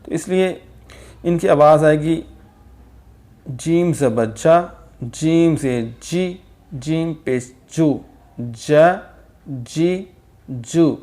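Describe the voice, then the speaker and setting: A man teaching Quran letters, slowly sounding out syllables and repeating them patiently in a lesson. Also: on the high side, warm tone. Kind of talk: slow recitation lesson with drills.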